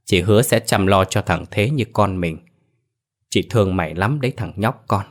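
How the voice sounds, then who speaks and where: A man's voice: on the low side, normal speed, close to an everyday voice. A man voicing a grieving older sister who speaks with tender, choked reassurance in a storybook reading.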